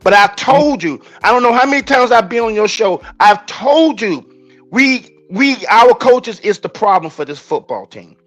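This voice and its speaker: A man's voice: sits high, animated, moderate pace, fairly bright tone. A man ranting angrily about a football loss on a podcast, exasperated and emphatic. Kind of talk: heated sports rant.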